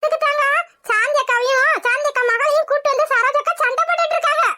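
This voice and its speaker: A woman's voice: extremely high pitch, fairly even intonation, quick pace, sharp tone, slight background noise. A woman voicing a nosy, gossiping village woman in a cartoon. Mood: gossipy. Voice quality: chattering, gossipy. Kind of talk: cartoon voice acting.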